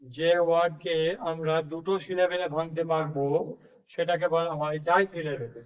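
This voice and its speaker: A man explains a lesson as an English tutor, drawing out each example word with slow deliberation. His voice is smooth and resonant, with a slightly raised pitch held in a narrow, flat range. The recording sounds dull and lo-fi.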